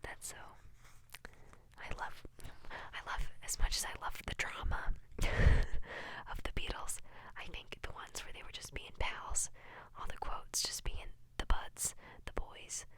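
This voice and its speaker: A young ASMR creator whispers softly right up against the mic, reading book quotes aloud at a slightly slow pace. She breaks in with giggly, chatty asides packed with fillers.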